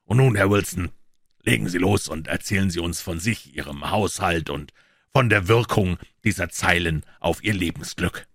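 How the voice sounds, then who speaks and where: A man voicing a shrewd, calm detective who explains in a low, measured, quietly assured way in an audiobook. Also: no echo, studio quality. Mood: dry. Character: shrewd calm male detective, dryly ironic. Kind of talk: audiobook character voice.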